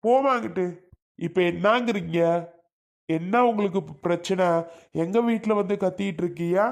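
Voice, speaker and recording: A woman's voice: mid-range voice, moderate pace, creaky, close to an everyday voice. A woman voicing an irritated young husband who snaps back defensively in a cartoon serial.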